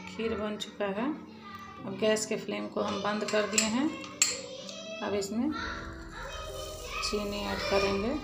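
Woman, cooking host, steady step-by-step recipe talk, gravelly edge, echoey room, music behind. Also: mid-range voice, slow pace, long pauses. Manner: calm step-by-step explaining, addresses viewers as friends. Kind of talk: recipe voice-over narration.

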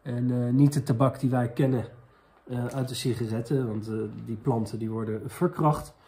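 Speaking at a moderate pace in a steady, mellow, medium-pitched voice, a man runs a comedic Q&A in mock-spiritual style. It plays as a casual deadpan parody monologue, loose and rambling and full of fillers.

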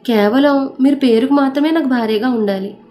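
A woman's voice: high-pitched, fairly quick, warm tone, a little hiss or hum, close to an everyday voice. A woman voicing a smug rich young man. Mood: brisk. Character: rich arrogant young man, teasing and commanding.

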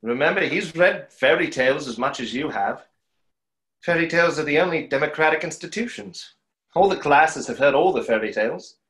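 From a small home room on a video call, a man in his thirties reads the role of a wistful stage conjurer plagued by self-doubt, hesitant and reflective in a storytelling mood. His voice runs high, expressive, fairly quick and a bit bright, with the roomy echo typical of a video call.

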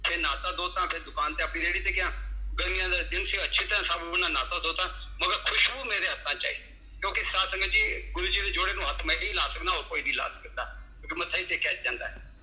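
A man's voice: high voice, pushed and bright, slightly rough, rough recording. A middle-aged man telling a devotional story from his own life to a congregation, acting out what he and others said. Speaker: devotee sharing a satsang experience.

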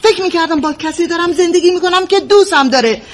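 A woman's voice: very high voice, slight background noise. A woman playing a suspicious, frightened young wife in an audio drama, questioning her husband sharply. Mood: accusing. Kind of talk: amateur audio drama acting.

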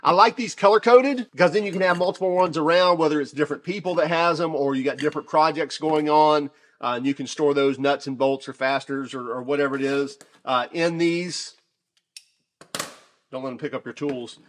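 A man casually reviewing shop tools off camera, talking in a chatty, relaxed way with many fillers and restarts. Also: on the high side, fairly quick. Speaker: tool reviewer.

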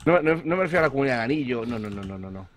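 A man's voice: mid-range voice, animated, racing, a little hiss or hum. A young man gaming with a friend, joking, boasting and clowning around playfully. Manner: playful, jokey boasting, puts on voices. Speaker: co-player, guest. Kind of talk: casual let's-play banter.

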